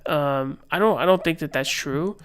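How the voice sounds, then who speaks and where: A man's voice: fairly high pitch, moderate pace, a bit bright, clean tone. A young man giving casual live-stream political commentary, rambling with lots of fillers and reading posts aloud. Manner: rambling, filler-heavy, reads tweets aloud.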